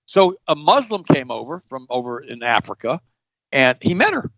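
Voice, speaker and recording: A middle-aged man hosting a show, telling stories in a blunt, animated way and jumping up in pitch for emphasis. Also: normal speed, no room sound, lo-fi sound. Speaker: podcast host. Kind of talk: casual storytelling chat.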